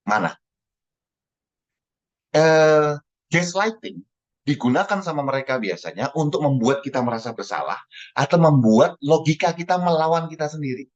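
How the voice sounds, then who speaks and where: Man giving a lively webinar talk. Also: a little high, normal speed, long pauses. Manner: animated, acts out little dialogues. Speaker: webinar speaker. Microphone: video call. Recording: dull lo-fi webinar audio.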